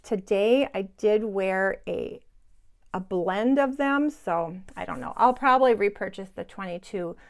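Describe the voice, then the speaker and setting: A woman's voice: mid-range voice, measured pace. A woman in her sixties, chatting casually and enthusiastically to viewers as she reviews beauty products at home. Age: 60s. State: sweating in the heat. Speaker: beauty vlogger. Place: home, hot room without air conditioning.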